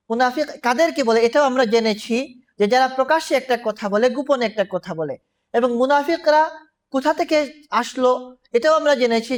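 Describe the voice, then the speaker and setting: Woman teaching scripture commentary, higher voice. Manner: poses rhetorical questions and answers them; stacks repeated parallel phrases. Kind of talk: religious commentary lecture.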